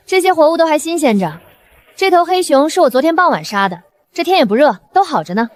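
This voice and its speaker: A woman voicing a bold, plain-spoken young peasant woman who hunts, in an animated drama. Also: sits high, fast talker. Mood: confident. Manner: plain-spoken and self-assured.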